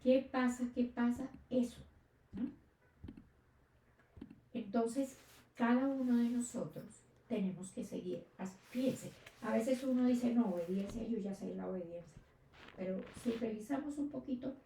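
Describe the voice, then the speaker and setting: Woman preacher, higher register, questioning delivery; distant mic in a roomy space. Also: mellow, slight background noise. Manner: asks rhetorical questions and checks in with listeners. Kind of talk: sermon. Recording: echoey room, distant mic.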